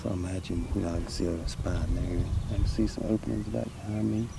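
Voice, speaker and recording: A man's voice: fairly even intonation, fast talker, vocal fry. A man filming his own hunt outdoors, talking plainly and casually to the camera, a little out of breath. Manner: plainspoken, low-key field talk, at times whispering. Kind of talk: casual outdoor vlog narration. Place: outdoors in hilly prairie woods. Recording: outdoor field recording with background noise.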